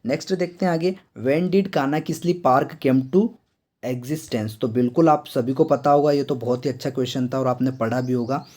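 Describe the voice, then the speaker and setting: A young adult man with an Indian accent walks students through exam answers, repeating questions back to them and reading the English items slowly. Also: medium pitch, mellow. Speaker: teacher explaining exam answers. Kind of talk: exam answer walkthrough lesson.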